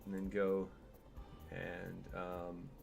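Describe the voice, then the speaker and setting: A man's voice: deep voice, completely flat delivery, drawn-out words, gravelly, darkish tone, soft background music. A man streaming a game from home, chatting in a digressive way and talking to his cat as he plays. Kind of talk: casual gameplay stream commentary.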